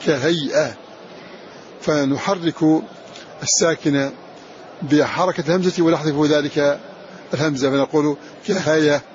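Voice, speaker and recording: A man teaching a lesson on Quran recitation rules. He says each example word slowly and more than once. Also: on the high side, a little mellow. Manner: repeats example words slowly and deliberately, drawing them out. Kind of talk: recorded lesson explaining a recitation poem. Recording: dull lo-fi recording with faint hiss.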